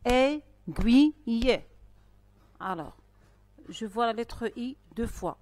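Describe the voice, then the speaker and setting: A woman teaching a primary school spelling lesson, speaking slowly and carefully with pauses between phrases. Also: fairly high pitch. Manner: slow, careful dictation-style delivery with pauses. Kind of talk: recorded online lesson.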